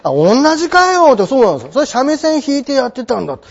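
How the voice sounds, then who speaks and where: A man's voice: extremely high pitch, big pitch swings, racing, creaky, a little mellow, breathy edge. A man teaching a lesson from a textbook, answering his own imagined questions and acting out small exchanges. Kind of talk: textbook lecture. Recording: dull, lo-fi sound.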